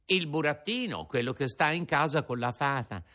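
A man's voice: fairly high pitch, animated, normal speed, sharp tone, voice pushed up. A man voicing an impatient, desperate wooden puppet boy in a storybook reading, pleading in a raised voice.

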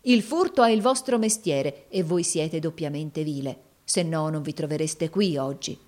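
A woman voicing a brave young man who speaks slowly and firmly. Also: darkish tone, lightly acted. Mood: defiant. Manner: slow and deep.

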